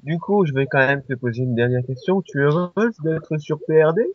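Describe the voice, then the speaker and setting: A man's voice: a little high, fairly quick, no room sound. A man co-hosting an amateur radio show, asking playful, nitpicking questions. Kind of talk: casual interview. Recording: dry, dull lo-fi audio.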